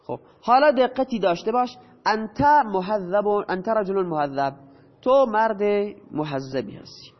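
Guy with a high voice teaching grammar, asks and answers his own questions, muffled recording w long echo. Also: lively intonation. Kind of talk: explaining grammar to students. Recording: dull lo-fi sound with long reverb.

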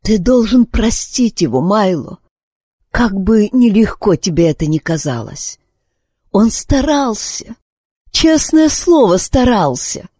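A man's voice: high-pitched, very animated, takes it slowly, warm tone, slightly rough, no room sound, studio quality, voice pushed up, full character voice. A man voicing a frail, whispery sick lady. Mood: imploring. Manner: faint near-whisper, raised and strained. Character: frail feverish noblewoman, gentle and pleading.

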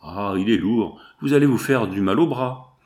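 A man's voice: lowish voice, lively intonation, normal speed, darkish tone, lightly acted. Man reading as a fussing fortyish housewife, polite, eager to please.

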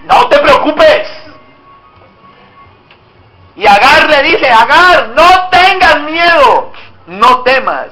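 A male pastor preaches emphatically, drawing call-and-response from his congregation. His voice is high with a sharp tone, and the audio quality is poor.

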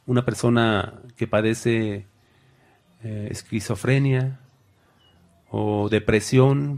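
A man delivers a sermon in a mid-range voice, addressing his listeners as brothers. He acts out Bible figures with sudden loud cries. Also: medium pitch. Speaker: preacher.

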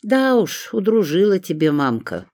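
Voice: medium pitch, sing-song, measured pace, darkish tone, no echo, clean studio sound, pitched above the performer's own voice. A reader voicing a grumpy, nagging elderly woman of seventy-one in an audiobook. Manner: grumbling, complaining. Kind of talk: audiobook character voice.

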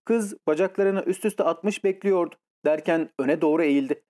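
A man reading an audiobook in scripted narration, telling the story in a measured, even way. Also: on the high side.

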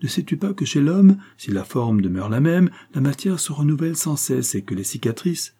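A cornered male impostor who barks scornful, haughty retorts in a voice raised above the narrator's own, as a man puts him on in an audiobook. The tone stays dark and husky and gets louder as his temper breaks. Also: fairly high pitch, sing-song, moderate pace, pitched above the performer's own voice, full character voice. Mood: angry. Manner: curt, haughty outbursts.

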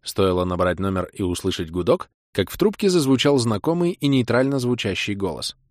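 A man's voice: lowish voice, sing-song, brisk, a little mellow, no echo, clean studio sound. A young man narrating a first-person audiobook with a wry, self-ironic tone.

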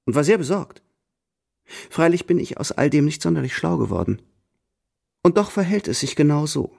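Radio drama: pompous, scheming French nobleman, lively and lofty. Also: on the high side, moderate pace, gravelly, husky, heavily acted. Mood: haughty. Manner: pompous, sprinkles in French phrases. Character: haughty scheming French marquis, middle-aged man.

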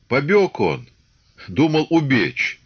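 An insolent young Cossack soldier, as a male narrator plays him speaks in short, sneering lines. The voice rides above the reader's usual low register, and the dull, lo-fi audiobook sound flattens it. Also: slow pace, slightly rough, full character voice. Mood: flat. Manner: curt, sneering, dismissive.

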